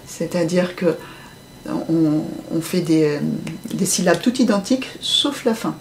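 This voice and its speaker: A woman's voice: fairly low pitch, animated, slow, slight background noise. A woman voice coach explaining how speech works, acting out example phrases in different tones as she talks. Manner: demonstrative, acts out example phrases in varied voices. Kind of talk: explanatory interview talk.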